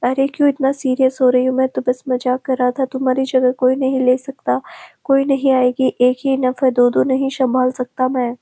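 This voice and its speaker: Woman narrator doing the young ceo guy, coaxing and sweet, high flat voice, dry. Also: normal speed, dry recording. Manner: coaxing, affectionate. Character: young male CEO, doting and playful fiancé. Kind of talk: storybook reading.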